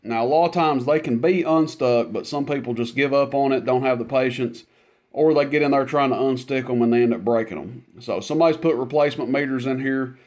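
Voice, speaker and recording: Here a man demonstrates equipment for sale, chatting in a homespun, off-the-cuff way as a radio seller. His pitch is medium, his pace a bit fast, and his tone slightly mellow.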